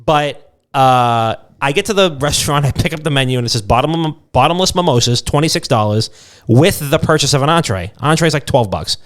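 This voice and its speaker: Speaking a little fast in a voice on the high side, a young podcast co-host sounds expressive as he shares casual, funny stories. Swearing runs throughout the banter.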